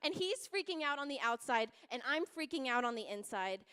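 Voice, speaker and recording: A young woman telling a funny story at a church youth service, animated and laughing as she acts out voices. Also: high-pitched, fairly quick, clear, resonant tone. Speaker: youth speaker. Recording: long hall reverb.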